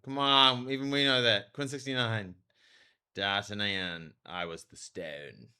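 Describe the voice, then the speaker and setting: A man livestreaming a game and chatting casually with viewers, speaking with a strong lisp from wearing a retainer in an animated, slangy way. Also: lowish voice, a little slow, clean tone. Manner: animated, slangy, talks to chat. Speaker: live streamer, theologian. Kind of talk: casual livestream chat over gameplay.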